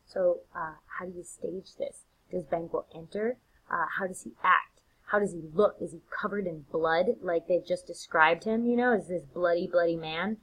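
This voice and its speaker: A woman's voice: fairly low pitch, slightly rough, poor audio. Chatty woman teaching a lecture. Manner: casual, chatty, with many fillers. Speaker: literature teacher. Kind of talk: recorded lecture.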